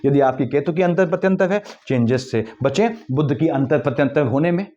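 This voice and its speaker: A man giving a quick, lecturing astrology forecast, weaving English terms into his explanations. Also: a little high, dark tone, muffled recording. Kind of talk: monthly horoscope talk.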